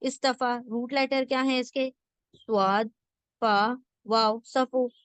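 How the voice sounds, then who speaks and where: A woman teaching a word-by-word scripture translation lesson, slowly and patiently, repeating each word and checking that listeners follow. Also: a little high, steady tone, clean tone, no echo. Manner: slow patient teaching, repeats words and asks "theek hai?".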